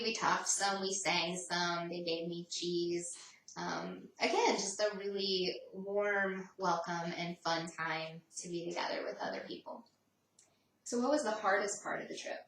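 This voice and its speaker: Low-voiced woman chatting in an echoey room. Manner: relaxed, chatty, frequent "um" fillers. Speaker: bike traveler answering viewer questions. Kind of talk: casual Q&A chat. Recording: roomy echo, voice from a distance.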